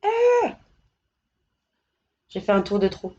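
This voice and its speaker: Woman, live-stream seller, chatty salesy banter, high-ish voice, roomy and muffled recording. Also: normal speed. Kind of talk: live shopping stream pitch. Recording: echoey room, dull lo-fi sound.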